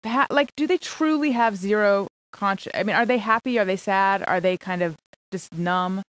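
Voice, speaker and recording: A woman co-hosting a casual podcast, her voice sitting at an ordinary middle pitch. She chimes in with dry, teasing remarks. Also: moderate pace, fairly bright tone, no echo. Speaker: podcast co-host.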